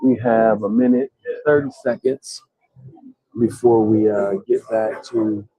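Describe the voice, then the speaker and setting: A man's voice: on the low side, steady tone, takes it slowly, warm tone, no room sound. A tired man hosting a casual live sports chat, reading out viewer comments and talking in a rambling way with many restarts and fillers. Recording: dull, lo-fi sound.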